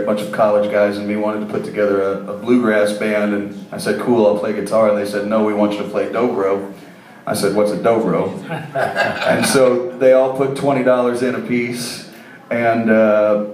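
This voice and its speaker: Man, musician guest, slow storyteller, roomy studio, off mic. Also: on the low side, recorded from a distance. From Ohio. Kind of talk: radio interview.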